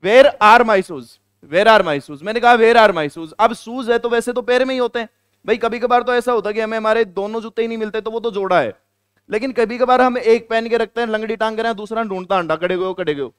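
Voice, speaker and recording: A man's voice: sits high, fast talker, clear, resonant tone, dry recording, studio quality. A man from India teaching a grammar class, joking with students and repeating key words as he quizzes them. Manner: playful, joking asides to students.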